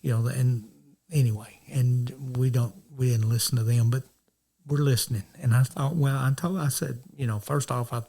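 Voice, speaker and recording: A man's voice: medium pitch, steady tone, moderate pace, vocal fry, mellow. Rambling man telling stories. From North Georgia. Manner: rambling, restarts often, acts out quoted dialogue. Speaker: minister, interview guest. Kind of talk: casual storytelling.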